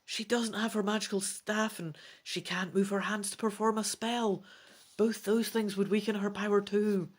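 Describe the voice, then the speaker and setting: A woman with a mid-range voice and steady tone talks at normal speed while presenting a gamebook playthrough. She mixes dramatic reading aloud with chatty, casual remarks.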